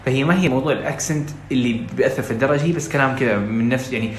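A man's voice: mid-range voice, rapid-fire, reverberant, a little hiss or hum. A Saudi man with a Saudi Arabic accent giving earnest, pleading advice on a podcast, dropping English phrases into his talk.

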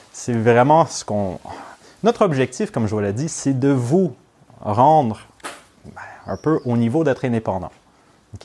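With a warm, medium-pitched voice, this young man kicks off a course he teaches on neurofeedback, keeping things informal and chatty as he asks how his students are doing. He's a native English speaker from Montreal, Quebec, Canada, with a Québécois French accent.

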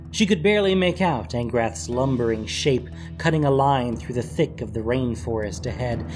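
A narrator reading a fantasy story in an animated, expressive way. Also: mid-range voice. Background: background music.

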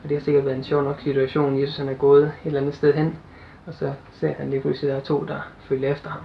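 An earnest young man preaches and reads scripture, pausing and restarting his thoughts as he goes. His voice sits a little high and stays flat in pitch. The recording sounds dull and lo-fi, with a faint noise behind it. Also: gravelly. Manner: earnest, halting with fillers and restarts. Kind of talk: sermon with Bible reading.

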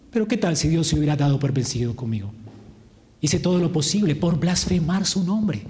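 A man's voice: sits high, a little mellow, long reverb tail. A man preaching a sermon with passion, acting out the voices he quotes. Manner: impassioned, acts out quoted voices. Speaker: pastor.

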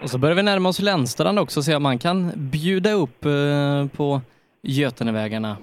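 A man co-commentates a rally, chipping in short remarks and hesitating with fillers. His voice is a little higher than average. A faint hiss runs underneath. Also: expressive. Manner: brief interjections with fillers. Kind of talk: live sports commentary.

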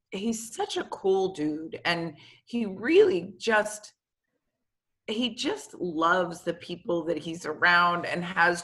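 A woman who works as a football coach, telling stories in a casual interview and acting out the people she quotes. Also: fairly low pitch. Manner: animated, acts out quoted dialogue.

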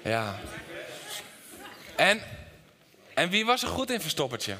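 Pastor preaching in an echoing church hall. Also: male voice, a little high, slow pace, noisy background. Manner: personal storytelling with questions to the congregation; swings between loud animated stretches and quiet intense ones. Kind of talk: sermon. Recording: long hall reverb.

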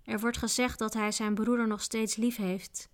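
Smooth-voiced woman reading a storybook. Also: fairly high pitch, moderate pace. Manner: steady storytelling. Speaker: audiobook narrator. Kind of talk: scripted narration.

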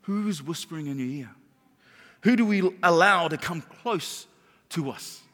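A middle-aged man preaching a sermon as pastor, emphatic, repeating words and dropping into soft whispers. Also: on the high side, lively intonation, a little slow. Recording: long hall reverb.

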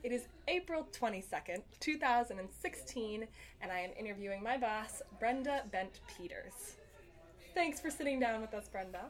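Woman, interviewer, higher voice, formal, scripted introduction, library. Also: expressive, moderate pace. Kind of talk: oral history interview.

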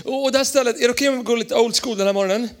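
A young adult man preaching a sermon in a church, energetic and playful, jumping between loud emphatic lines and quiet asides. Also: very high-pitched. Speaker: pastor. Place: church hall.

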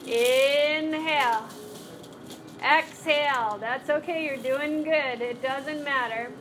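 A woman's voice: sits high, takes it slowly, a bit bright, slight background noise. A woman leading a live chair yoga class, cueing breaths and moves in a playful, encouraging way. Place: class room with group.

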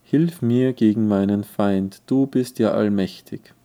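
A man's voice: lowish voice, measured pace, dark tone. A man reading the part of a frightened young prince, fearful and pleading.

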